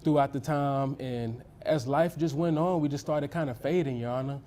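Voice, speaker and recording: A man's voice: medium pitch, normal speed, mellow, slight background noise. A man in his thirties giving testimony in a courtroom, hesitant, repeating words and filling gaps with "um". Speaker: litigant in a TV court case.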